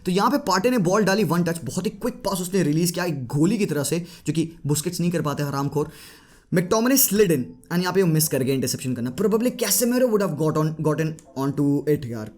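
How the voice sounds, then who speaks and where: A man giving a casual, lively tactical breakdown of a football match, chatting to viewers and mixing in English phrases. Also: on the high side. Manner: lively Hinglish commentary, mixing Hindi and English; chatty, addresses viewers as bhai. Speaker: football analyst.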